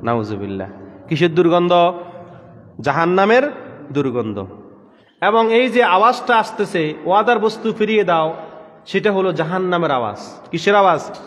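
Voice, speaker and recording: High-voiced man preaching, asking and answering. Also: very animated, moderate pace, long pauses, a bit bright, long reverb tail. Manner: repeats each point as a question and answers it himself. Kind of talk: sermon with call-and-response questions. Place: gathering room with power trouble.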